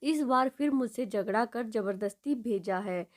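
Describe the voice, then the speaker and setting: A hurt young wife in a spoken storybook, subdued and pained, holding back her troubles, played by a woman narrator. the voice is a bit high. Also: measured pace, close to an everyday voice. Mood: sad. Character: unhappy young married daughter, hurt and restrained.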